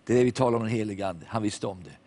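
Man, preacher, sermon storytelling, voices quoted lines, drops to hushed tones. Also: fairly low pitch.

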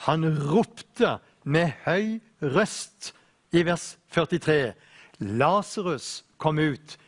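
A man preaching a sermon, earnestly quoting scripture with slow, weighty emphasis. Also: fairly high pitch.

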